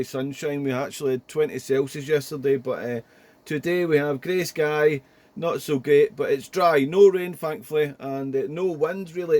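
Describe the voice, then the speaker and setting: A man with a somewhat high, darkish voice chats casually as a ham radio operator, rambling, repeating himself, and often closing phrases with "there." He's in a small home radio room, and the recording is dry with no room sound.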